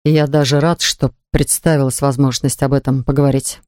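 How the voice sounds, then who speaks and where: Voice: normal speed, smooth, no echo, close to an everyday voice. A narrator voicing a composed, businesslike male property developer, reading in a dry, close studio recording. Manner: calm, businesslike, lowered voice.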